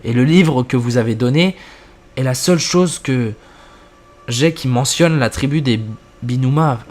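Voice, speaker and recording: A man reads an elderly woman who knows about curses, speaking slowly and calmly in a horror storybook reading. His voice sits at an ordinary middle pitch, with no strain or theatrics, and it stays quiet and grave. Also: lightly acted.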